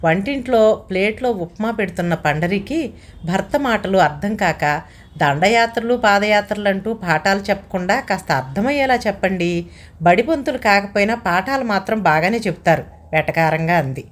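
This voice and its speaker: Brief: female audiobook narrator, steady storytelling delivery, mid-pitched. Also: moderate pace. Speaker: storyteller host.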